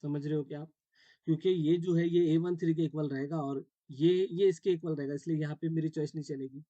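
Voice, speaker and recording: A man's voice: fairly high pitch, fairly even intonation, a little fast, mellow, dry recording, dull audio. A man teaching a math class step by step, often checking that students follow and mixing English terms into his Hindi. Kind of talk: classroom lecture.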